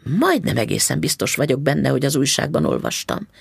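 A polite, curious young man lodging at a boarding house, read by a male narrator. He talks in a musing, lively way. His voice has a gravelly rasp and is recorded dry and close. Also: medium pitch, no room sound, exaggerated voice.

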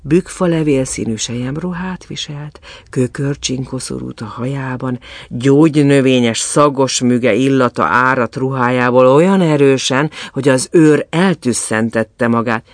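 A man reading a fairy tale aloud in an expressive, storytelling manner. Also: mid-range voice, no room sound, clean studio sound.

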